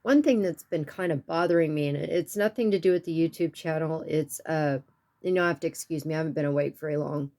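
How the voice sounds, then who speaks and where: A woman talking to her viewers in a personal vlog, earnest and soft-spoken, with stuffy sinuses and a tearful edge, pausing and restarting often. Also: low voice. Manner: halting, with many pauses and restarts. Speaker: YouTube art channel creator.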